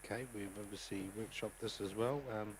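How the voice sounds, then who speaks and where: A man who chairs a local council meeting as mayor. He has a New Zealand accent, talks in a relaxed way with many ums, and speaks up when he calls the votes. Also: lowish voice, a little fast, slight background noise, low-quality recording.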